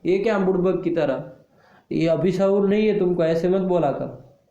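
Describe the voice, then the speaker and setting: A man's voice: sits high, normal speed, warm tone, roomy sound, lo-fi sound. A man teaching a Sanskrit grammar class, firing questions at students and scolding them for lazy, half-finished answers.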